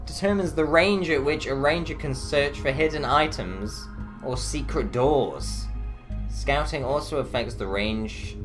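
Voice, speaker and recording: Rambling, foul-mouthed gaming man. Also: medium pitch. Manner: rambling, profane, jokey. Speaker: let's play host. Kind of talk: gameplay commentary.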